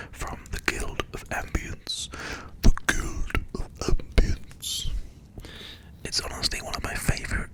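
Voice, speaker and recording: On a livestream, a streamer talks casually to viewers one at a time in a soft ASMR whisper. The recording quality is low.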